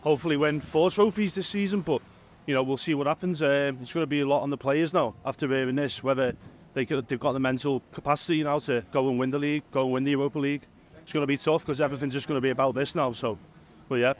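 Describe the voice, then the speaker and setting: A man's voice: mid-range voice, steady tone, quick pace. A man giving his view as a football fan in a street interview. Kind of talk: street vox pop interview. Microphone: handheld interviewer's microphone. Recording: outdoor street noise in background.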